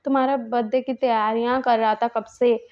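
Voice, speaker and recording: A woman voicing a devoted young husband who is gentle and apologetic, with soft, coaxing speech. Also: a little high, flat delivery, normal speed, highs cut off, lightly acted.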